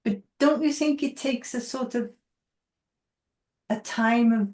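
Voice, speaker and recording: Slow-talking excitable woman, echoey room. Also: fairly high pitch. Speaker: group facilitator. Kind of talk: casual conversation.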